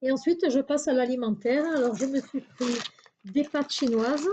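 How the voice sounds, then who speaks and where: A woman's voice: sits high, normal speed, mellow, a little hiss or hum. A woman chatting through a shopping haul video, hesitant and searching for words with many fillers. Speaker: YouTuber showing a shopping haul. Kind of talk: casual haul video chat.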